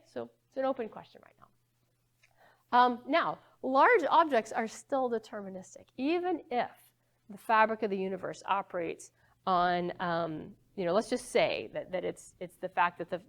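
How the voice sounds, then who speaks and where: A woman physics professor giving a live lecture in a church hall, talking conversationally and often checking in with the audience. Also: medium pitch. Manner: conversational, asks the audience questions, frequent okays.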